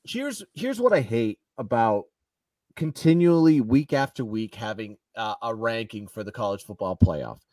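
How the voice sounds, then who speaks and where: A man's voice: mid-range voice, expressive, normal speed, a little mellow, dry recording, distant mic. A man co-hosting a podcast, giving opinionated, rambling takes in casual sports chat. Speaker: podcast co-host.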